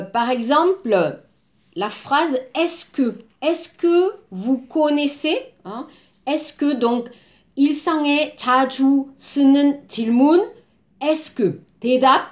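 A woman teaching a French lesson, drilling phrases slowly and repeatedly and switching between French and Korean. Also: sits high. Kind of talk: language lesson.

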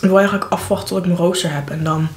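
A woman's voice: lowish voice, very fast, faint music behind. A young woman in a casual mukbang vlog, chatting candidly and informally between bites in a room at home. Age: young adult. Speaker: vlogger. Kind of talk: casual chat while eating, mukbang vlog. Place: living room at home, indoors. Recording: echoey room, clear background noise.

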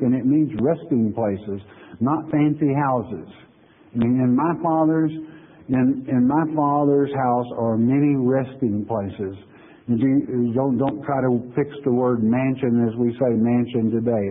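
This is a sermon lecture from a pastor whose husky male voice sits in the mid range. His folksy delivery lingers slowly over every verse, then breaks it down plainly, punctuated by regular "okay?" asides, all captured on tinny, phone-like sound.

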